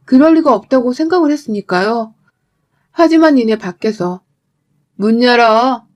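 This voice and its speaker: A woman telling a first-person family story as scripted narration, in an even, reflective tone. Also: high-pitched, moderate pace.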